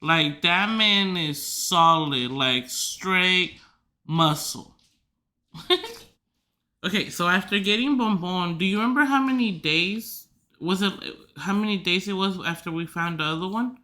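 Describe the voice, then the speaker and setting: A young woman chatting casually on her podcast, her voice very bright and forward. She rambles and fills her sentences with "like," slipping in giggly asides as she goes. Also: on the low side, a little slow. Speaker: podcast host. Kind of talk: casual chat.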